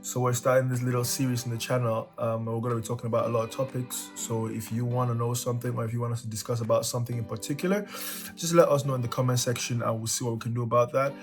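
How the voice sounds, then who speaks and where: Very fast and flat in delivery, this young host from Cameroon keeps his vlog chat playful and full of jokes. His voice sits in the mid range, and background music fills the echoey room.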